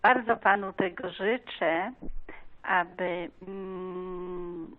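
A woman answering a prank phone call, calm and hesitant, pausing with fillers. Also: lowish voice. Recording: tinny phone line.

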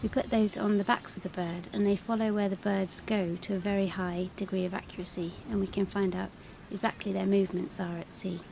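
A woman's voice: mid-range voice, little pitch movement, fairly quick, darkish tone, rough recording. A woman in her thirties, a scientist explaining her field work in an outdoor interview. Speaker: seabird scientist being interviewed. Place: open grassy coast, outdoors. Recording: clear background noise outdoors.

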